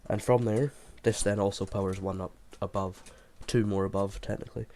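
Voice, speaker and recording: A man with a low, creaky voice who sounds under the weather talks through a game tutorial informally, working it out hesitantly as he goes. Background noise and keyboard clicks sit behind him. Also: steady tone, fairly quick, a little mellow. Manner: hesitant, thinking aloud as he explains. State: sick, sounding unwell. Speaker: video creator explaining a game build. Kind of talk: informal tutorial commentary over gameplay.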